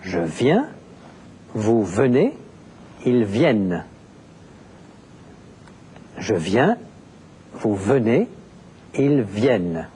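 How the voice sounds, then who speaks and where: In scripted teaching narration for a language lesson, a man explains deliberately and enunciates each word clearly. He talks very slowly in a sing-song, dark-toned voice whose pitch swings widely. Faint background noise lies beneath.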